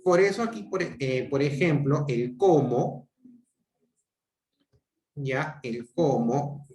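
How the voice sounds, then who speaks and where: A man's voice: mid-range voice, slow, a little mellow, reverberant. A man teaching a grammar lesson over a video call with a Peruvian Spanish accent, explaining step by step with frequent tag questions and restarts. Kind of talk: online grammar lecture. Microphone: computer mic on a video call.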